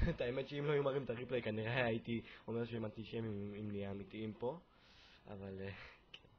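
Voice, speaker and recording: A young Israeli man with a sarcastic wit, commenting on a football video game and bursting into excited yells. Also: mid-range voice, muffled recording, a little hiss or hum. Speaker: gaming video host.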